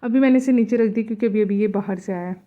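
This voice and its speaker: A woman's voice: mid-range voice, fast, mellow, muffled recording. A young woman narrating her day in a casual home vlog, chatty and mixing in English words. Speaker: vlogger.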